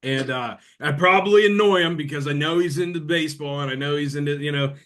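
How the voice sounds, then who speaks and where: A fast-talking man in his late thirties with a slightly high, fairly bright voice hosts a podcast. The conversation is casual and rambling, full of fillers.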